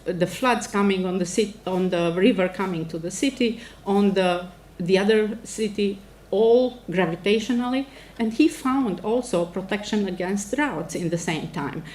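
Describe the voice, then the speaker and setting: A middle-aged Romanian professor, a native Romanian speaker with a Romanian accent, gives a formal academic address to an audience at an indoor lecture event. Her voice is medium-pitched with a darkish tone.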